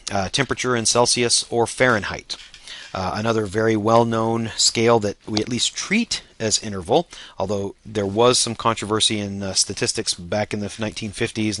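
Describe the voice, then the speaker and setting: A man lectures on statistics in a relaxed, explanatory way, slipping in frequent "uh" fillers as he works through examples. His voice sits somewhat low, yet its tone comes across bright and forceful.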